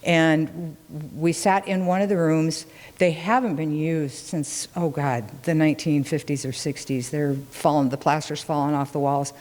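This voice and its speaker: Low-voiced woman, fireside storytelling in hall. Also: fairly even intonation, a little slow, darkish tone. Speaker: host of a ghost story talk. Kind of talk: informal fireside storytelling to a group. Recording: long hall reverb.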